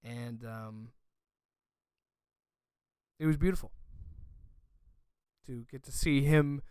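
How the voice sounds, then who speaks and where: Emotional young man, smooth clear voice. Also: mid-range voice, slow, a little mellow, no echo. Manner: emotional and gushing, with frequent fillers. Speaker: podcast host. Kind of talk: casual movie review chat.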